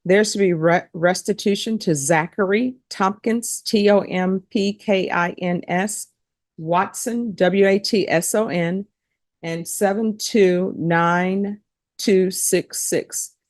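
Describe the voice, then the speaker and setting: Here a woman judge runs a court hearing, taking it slowly in a steady, medium-pitched voice. She questions people in a formal, procedural manner and spells out names. The audio is studio quality and free of echo.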